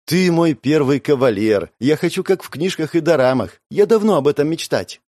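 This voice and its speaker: A man's voice: on the high side, expressive, moderate pace, mellow, no echo, clean studio sound, pitched above the performer's own voice. A man voicing an eager, self-important young girl who speaks in broken grammar.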